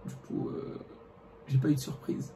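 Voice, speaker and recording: A young man in a casual couple Q&A video, laid-back and teasing, with slangy speech. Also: moderate pace. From France. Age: young adult. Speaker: co-host. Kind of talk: casual chat. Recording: distant mic with faint background noise.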